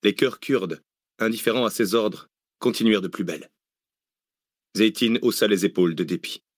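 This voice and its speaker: A man narrating a novel chapter in a measured, dramatic reading. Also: lowish voice, no room sound, studio quality. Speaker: audiobook narrator. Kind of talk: scripted narration.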